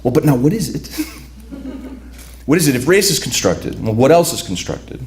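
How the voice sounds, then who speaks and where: This author, raised among Lithuanian migrants in the United States and speaking Lithuanian as his first language, reads his own prose aloud at a literary event. His mid-range voice has a darkish tone and big pitch swings. He sounds reflective and halting, often restarting his sentences.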